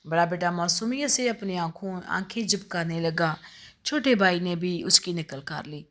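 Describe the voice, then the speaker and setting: A woman narrating a story in an earnest, gently dramatic way. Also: on the low side.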